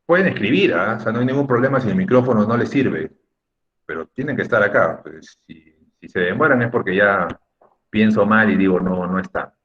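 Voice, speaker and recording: Male teacher on a lo-fi video call, animated delivery, patient and lightly teasing with students. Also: on the low side, a little fast. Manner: patient, drawing out words to stress syllables. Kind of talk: online class instruction. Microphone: computer mic on a video call. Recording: muffled lo-fi video call audio.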